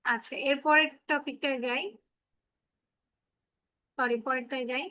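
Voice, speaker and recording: A woman's voice: high voice, steady tone, measured pace, bright, forceful tone. A woman teaching English phonics to children in an online class, patiently checking that each pupil understands. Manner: addresses the children affectionately as "baba". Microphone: laptop microphone on a video call.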